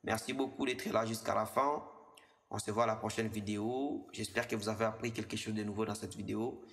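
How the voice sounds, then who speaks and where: Guy in his 20s teaching english, says the examples slow and twice, echoey reverb-y room. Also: fairly low pitch, steady tone. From DR Congo. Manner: slows down and repeats the English example phrases. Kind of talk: language lesson explained in French.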